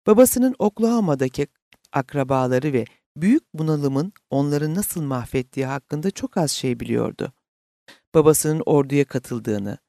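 Gravelly male audiobook narrator. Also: on the high side, a little mellow, no echo, studio quality.

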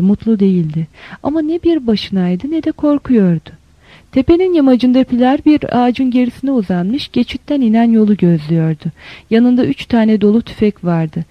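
A woman reading a novel aloud as an audiobook narrator, in a measured, steady way. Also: on the high side, no echo, dull audio.

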